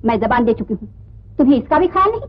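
A woman's voice: on the high side, expressive, rapid-fire. An actress playing a proud young woman who sharply scolds her younger brother, in 1950s film acting. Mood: reproachful. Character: proud reproachful elder sister, young woman. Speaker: elder sister. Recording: dull old film soundtrack.

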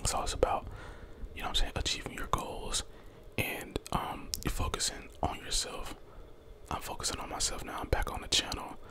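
An American man in his twenties giving a casual, slangy, encouraging pep talk in an ASMR whisper close to the microphone. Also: moderate pace. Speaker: ASMR content creator. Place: small bedroom, indoors. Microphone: close handheld desk condenser microphone.

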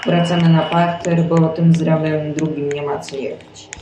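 A man's voice: fairly high pitch, level tone, unhurried, noisy background. A young man casually commenting on a game he is playing, rambling with many fillers and restarts. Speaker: gaming channel host. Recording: roomy echo, faint game music behind.

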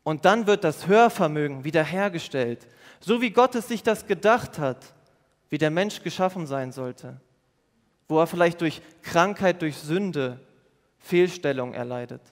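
A man's voice: on the high side, animated, a little slow. Earnest man preaching in a reverberant hall. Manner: earnest, explanatory, repeats key phrases. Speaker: youth service preacher. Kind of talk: sermon. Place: church hall. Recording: long church hall reverb.

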